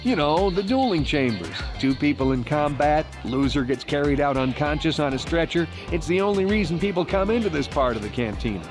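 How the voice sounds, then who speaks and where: An actor as blustering man with swooping pitch. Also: expressive, brisk, hardly any pauses, music in the background, lightly acted. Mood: impatient. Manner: boastful, defensive. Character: blustering, insecure male cantina duelist, all talk. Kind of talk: video game character acting.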